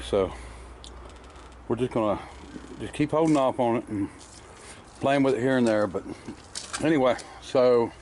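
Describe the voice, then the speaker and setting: In his workshop garage, a car restorer narrates a casual shop vlog about his restoration work, rambling plainly with lots of fillers while chewing candy. His mid-range voice is darkish, with slight background noise.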